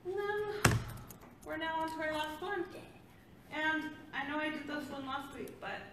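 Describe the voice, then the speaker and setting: A woman leading a casual sing-along class, chatty and quick to laugh between remarks. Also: high voice, far from the mic, noisy background. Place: association office room. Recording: very roomy echo with loud guitar. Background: guitar.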